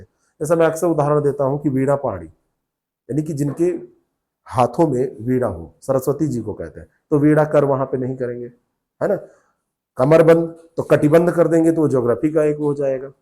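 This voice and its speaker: A man with a fairly high but mellow voice teaches an exam-prep lesson. He asks a question, then answers it himself, and keeps checking that his listeners follow. His delivery is patient and explanatory. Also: normal speed.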